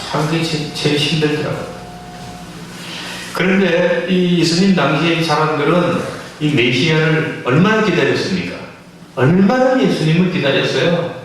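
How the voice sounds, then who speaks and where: A man's voice: medium pitch, distant mic, a little hiss or hum. A male pastor preaching a Christmas sermon in a church, emphatic and full of rhetorical questions to the congregation. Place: church sanctuary. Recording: echoey church hall from afar.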